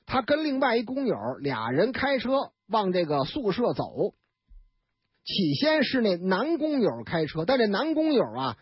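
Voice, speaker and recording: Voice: medium pitch, husky, dry recording. A radio storyteller with a Beijing accent, telling a tale in chatty colloquial style with sound effects and asides. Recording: dull, dry radio studio recording.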